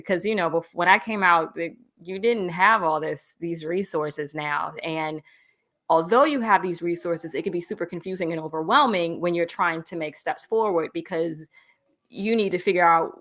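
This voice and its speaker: A woman's voice: on the low side, a bit bright. A middle-aged woman with a Washington, D.C. accent, chatting casually and colloquially as a guest. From Washington, D.C., United States. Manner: quick to laugh, colloquial. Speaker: guest, business owner. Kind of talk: casual chat.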